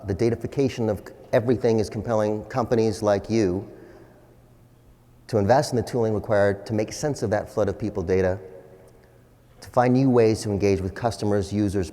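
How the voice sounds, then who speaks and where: Mellow man, polished corporate enthusiasm, big hall. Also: lowish voice, steady tone, moderate pace. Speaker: chief executive giving a keynote. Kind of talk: corporate keynote speech. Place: large indoor hall, on stage. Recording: large hall with long reverb.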